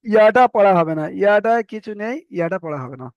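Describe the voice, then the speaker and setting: A man teaching Quran reading, spelling out letters and vowel marks and then chanting each word slowly. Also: high-pitched, a little mellow, clean tone, no echo, highs cut off. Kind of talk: spelled-out recitation lesson.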